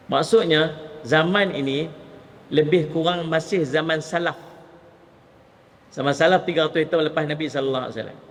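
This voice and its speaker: A Malaysian man with a northern Malay accent giving a lively mosque lecture, often addressing his audience directly. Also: high voice. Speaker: Islamic preacher. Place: mosque hall. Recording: long reverb of a mosque hall.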